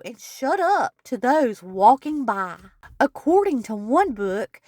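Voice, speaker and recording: A woman narrating a local history travel video in a slow, measured, scripted reading voice, recorded as a close voice-over. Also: a little high, dry recording.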